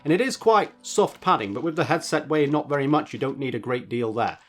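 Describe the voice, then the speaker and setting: A man's voice: medium pitch, expressive, fairly quick, soft background music. A man presenting a product review in a casual, chatty narration with wry asides.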